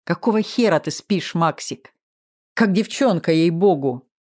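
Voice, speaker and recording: A man's voice: high voice, animated, measured pace, darkish tone. A man reading an audiobook, voicing a short-tempered male fight coach who barks and scolds. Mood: angry. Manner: barking, scolding.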